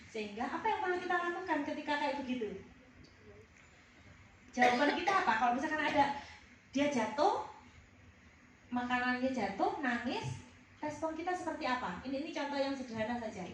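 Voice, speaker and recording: High-voiced woman lecturing trainees. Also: lively intonation, fairly quick, pauses often. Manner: explanatory, engaging the audience with questions. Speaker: counseling trainer. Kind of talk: workshop lecture. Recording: echoey hall, distant mic, background noise.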